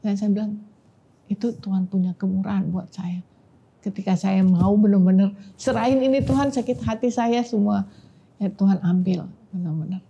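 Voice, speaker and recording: A woman's voice: mid-range voice, steady tone, moderate pace, vocal fry, mellow, breathy edge, highs cut off. A woman telling her personal testimony in earnest casual talk, often quoting what she and others said. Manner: earnest, repeats phrases, quotes herself and others. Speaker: guest sharing testimony.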